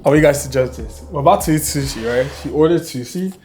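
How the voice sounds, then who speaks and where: A man's voice: a little high, fast talker, a little mellow, faint music behind. Tired young man vlogging to camera. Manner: chatty, storytelling, frequent "like". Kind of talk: casual vlog chat to camera.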